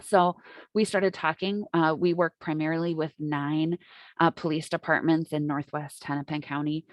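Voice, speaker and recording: Low-voiced American woman speaking through a mask. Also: fairly even intonation, normal speed, no room sound. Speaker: webinar presenter, hospital injury prevention coordinator. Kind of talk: informal webinar presentation. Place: on site at a hospital. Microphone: microphone, worn with a face mask.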